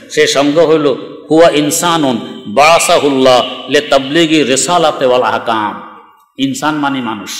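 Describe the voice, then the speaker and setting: A male preacher delivers a sermon in an emphatic, argumentative and at times mocking way. His voice sits at an ordinary middle pitch. The recording rings with a long hall reverb and plenty of room echo. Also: fairly bright tone. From Bangladesh. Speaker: Islamic preacher.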